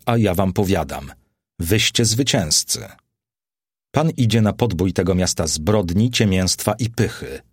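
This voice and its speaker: A man's voice: deep voice, slightly rough, no room sound, studio quality, exaggerated voice. A man voicing an aged male apostle who preaches with solemn, exalted fervour in an audiobook. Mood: commanding. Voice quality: solemn, rising to exalted declamation. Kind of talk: audiobook character reading.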